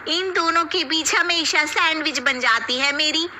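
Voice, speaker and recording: A woman's voice: high voice, measured pace, pushed and bright, a little hiss or hum, pitched above the performer's own voice, exaggerated voice. A woman voicing a complaining middle daughter-in-law in a cartoon story. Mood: aggrieved.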